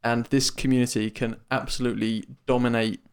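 A man's voice: medium pitch, flat delivery, brisk, clean tone. Laid-back man with an Essex accent. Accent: Essex English. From England. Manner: explanatory, patient, laid-back. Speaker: podcast co-host. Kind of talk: casual podcast chat.

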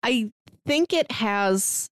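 A podcast co-host talks casually through a book review, laughing lightly now and then. Her voice is on the high side with lively intonation and an extremely slow pace, recorded at studio quality with no room sound.

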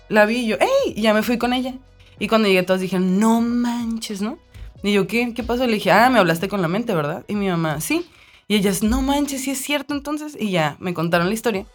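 A woman host with a Mexican accent, chatting casually and telling stories with lively acted-out quotes. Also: medium pitch, moderate pace, faint music behind. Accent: Mexican Spanish. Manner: lively storyteller, acts out quoted voices. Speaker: podcast host. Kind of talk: casual chat.

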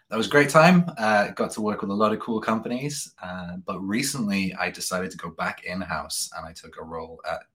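A man with a low voice and a tense, forceful edge, talking as a podcast guest. He tells stories in a chatty, easygoing way and laughs often. It is casual conversation, not a performance. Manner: chatty anecdotal storyteller, laughs easily. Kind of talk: casual chat.

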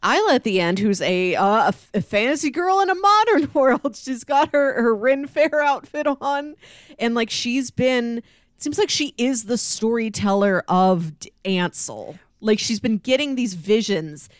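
In a studio-quality recording with no echo, a woman speaks unhurriedly in a slightly high, animated voice. During a casual podcast discussion she explains her points conversationally, performing quoted lines as she goes.

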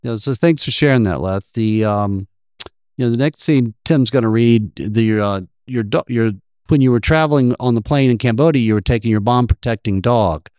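A man moderating a casual interview, rephrasing haltingly as he goes. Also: mid-range voice, a little mellow, smooth, no echo.

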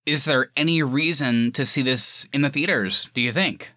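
A man's voice: mid-range voice, moderate pace, bright, forceful tone, no room sound, studio quality. A man hosting a casual film review chat, talking in an informal, enthusiastic way. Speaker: podcast host.

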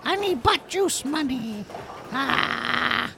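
Woman doing squeaky, singsong frog toy, silly and slow. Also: animated, bright, forceful tone, slight background noise, full character voice. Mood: goofy. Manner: goofy, bickering, giggly.

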